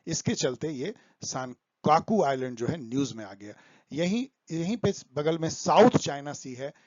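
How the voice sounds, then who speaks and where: A man's voice: a little high, big pitch swings, measured pace, darkish tone, no echo, muffled recording. A man explaining current affairs for exam students over slides, mixing English terms into his talk. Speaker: exam tutor.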